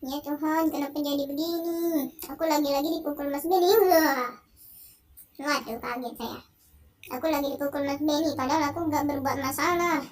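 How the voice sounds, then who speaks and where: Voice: high-pitched, steady tone, normal speed, close to an everyday voice. A young gamer reading out the lines of a frightened wife in a video game, pleading with her husband. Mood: sad. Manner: pleading, distressed. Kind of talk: game dialogue read aloud.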